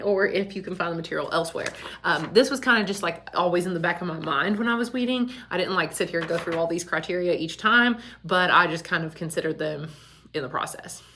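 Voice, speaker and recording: A woman's voice: fairly low pitch, a bit bright, a little hiss or hum. A woman school librarian chatting casually and laughing often, her voice echoing around an empty back storage room. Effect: echoey empty room. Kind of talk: casual video chat.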